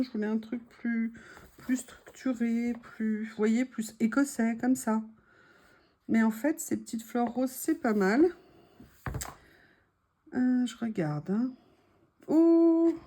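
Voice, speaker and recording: Lady crafting and talking to herself, slow and mellow, a bit high. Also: slight background noise. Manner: chatty, thinks aloud, drops to murmurs. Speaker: crafting vlogger. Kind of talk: casual crafting chat.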